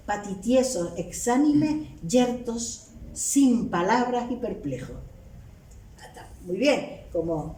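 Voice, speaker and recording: A woman with a Canarian Spanish accent gives a formal academic lecture. She talks in a lively, wry way and adds teasing asides. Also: mid-range voice. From Canary Islands. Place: hotel hall. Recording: roomy hall audio from a distance with faint noise.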